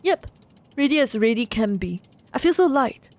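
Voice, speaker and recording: A woman voicing a calm young male island diver in a gruff old-man voice while reading a game's text aloud. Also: high voice, normal speed, no room sound. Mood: eager.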